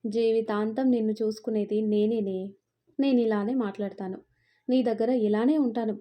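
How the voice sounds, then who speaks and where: A woman's voice: a little high, fairly even intonation, a little fast, dark tone, lightly acted. A woman reading the part of a domineering, possessive young man who scolds and threatens. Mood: menacing. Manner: commanding, scolding.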